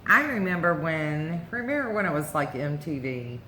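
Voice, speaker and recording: A woman's voice: low-pitched, big pitch swings, normal speed, sharp tone. A woman co-hosting a casual vlog, chatting conversationally in short remarks and reminiscing. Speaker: vlog co-host. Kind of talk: casual chat. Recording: roomy echo with faint background noise.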